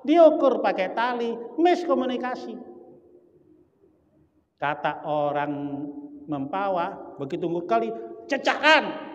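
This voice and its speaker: High-voiced man preaching in an echoing hall. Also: slow, pauses often. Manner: lively storytelling with jokes and acted-out dialogue. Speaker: Islamic preacher. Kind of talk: humorous sermon. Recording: dull lo-fi recording with long hall reverb.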